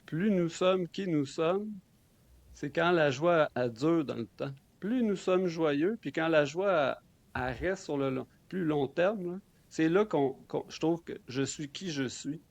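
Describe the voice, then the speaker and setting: A man's voice: fairly high pitch, animated, a little slow, creaky, no room sound. A man with a Québécois accent hosting an interview, asking musing questions in a playful way. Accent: Québécois French. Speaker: host. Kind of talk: casual conversational interview.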